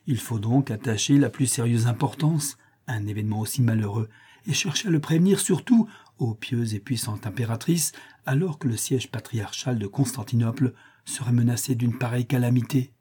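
A man's voice: medium pitch, fairly quick, mellow, slightly rough, close to an everyday voice. A man voicing a devout young Gothic woman attendant, earnest and pleading in a fervent, preaching tone.

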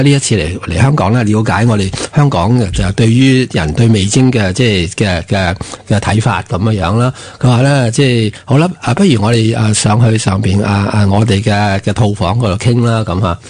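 A man's voice: fairly low pitch, darkish tone, slightly rough, dry recording. A middle-aged man with a Hong Kong Cantonese accent, telling a long anecdote on a radio talk show with many fillers and questions to his co-host. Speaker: radio show regular, storyteller. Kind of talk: casual radio chat.

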